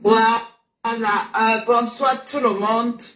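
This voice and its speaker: A woman's voice: a little high, steady tone, slow pace, fairly bright tone, roomy sound, faint music behind. A tearful woman giving a repetitive, preachy rant on a live stream from her car. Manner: emotional, preachy, repeats herself. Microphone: phone while driving.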